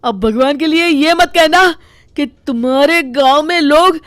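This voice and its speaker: A woman's voice: high voice, unhurried, fairly bright tone, no echo, clean studio sound, voice pushed up. A woman voicing an irritable young husband who keeps losing his temper in a cartoon story. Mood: exasperated. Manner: exasperated outbursts. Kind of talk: cartoon voice acting.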